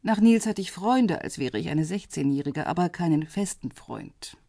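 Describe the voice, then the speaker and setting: In this radio drama, a divorced woman of middle age speaks in a fairly low, husky voice that is wry and guarded, with a bitter, sardonic bite. Her delivery is animated, heavily acted and mellow at normal speed, captured in studio quality with no room sound.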